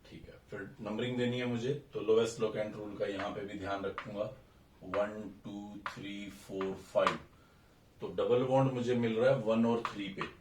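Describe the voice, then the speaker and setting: A man's voice: lowish voice, fairly even intonation, normal speed, far from the mic, noisy background. A man teaching a recorded chemistry lesson, explaining step by step and counting carbons aloud while mixing English terms into Hindi. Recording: echoey room, voice a bit off-mic, faint ambience.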